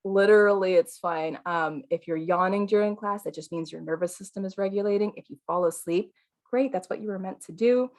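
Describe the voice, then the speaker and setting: With a female-sounding voice at medium pitch, a non-binary teacher briskly leads a live online qigong class. They sound calm and soothing while chatting, using fillers and light laughter.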